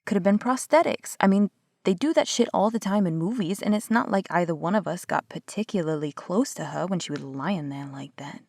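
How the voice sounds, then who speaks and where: Speaking a little fast in a fairly low, expressive voice with a darkish tone, a young woman acts out a one-sided audio roleplay as a doubting investigator. She's sarcastic and argumentative, swears offhandedly, and sometimes falls to a whisper, all in studio quality with no echo.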